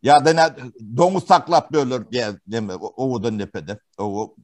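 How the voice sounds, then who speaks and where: A man from Turkmenistan giving testimony in an interview, talking haltingly with many pauses and fillers. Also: medium pitch, animated. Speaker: witness interviewee.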